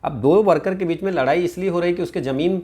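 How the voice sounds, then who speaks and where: Male teacher, mid-high voice, exam-prep lecture, mixes Hindi and English, keeps checking in with the class. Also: quick pace, warm tone. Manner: explains in a mix of Hindi and English, with frequent checks of "है ना?" and "ठीक है".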